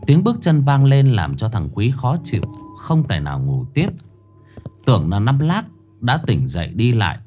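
A man narrating a ghost story in a dramatic, expressive way. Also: medium pitch, normal speed. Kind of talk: scripted horror story narration. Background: faint music.

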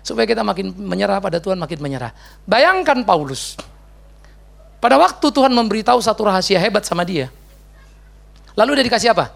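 A man preaches a sermon in a church, lively and humorous, often acting out quoted prayers. His voice sits high and gravelly, and it swings widely up and down. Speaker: pastor.

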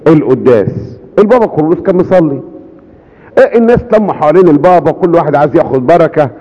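A man's voice: a little high, very fast. A man with an Egyptian Arabic accent preaching a sermon, telling stories with many rhetorical questions. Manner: lively storyteller, asks rhetorical questions. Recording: dull audio with long hall reverb.

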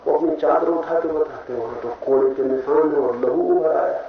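A man giving a spiritual discourse in an impassioned way, swinging from hushed to loud for emphasis. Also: fairly high pitch, normal speed, gravelly. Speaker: spiritual teacher. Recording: old lo-fi tape with heavy echo, narrow tinny band, faint hiss.

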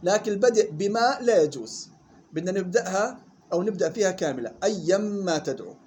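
A man teaching Quran recitation rules to students in a room. He reads the rule text slowly and then explains it in quick colloquial talk. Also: sits high, lively intonation, a little mellow, slight background noise. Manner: drills syllables slowly and questions students. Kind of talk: classroom lesson explaining a text.

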